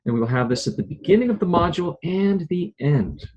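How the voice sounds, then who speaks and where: A man calmly walking a club through an online module over a video call, explaining step by step. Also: on the high side, fairly quick, dull audio, a little hiss or hum. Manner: calm, methodical explaining. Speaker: club presenter. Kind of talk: screen-share walkthrough on a video call.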